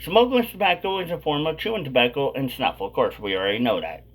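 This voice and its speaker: A man's voice: medium pitch, lively intonation, fast talker, slightly rough. Man vlogging with tobacco in his lip. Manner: talking with a dip of chewing tobacco in his lip. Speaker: video host. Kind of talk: casual vlog commentary.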